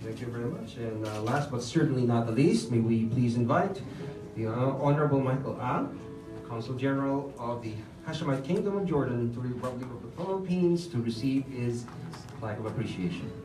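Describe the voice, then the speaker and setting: A man's voice: mid-range voice, animated, a little fast. Young man, formal emcee, hesitant fillers, roomy hall, distant mic, music behind. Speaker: master of ceremonies. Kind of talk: formal award ceremony emceeing. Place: hotel function room, at a lectern. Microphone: lectern microphone, filmed from far off. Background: background music.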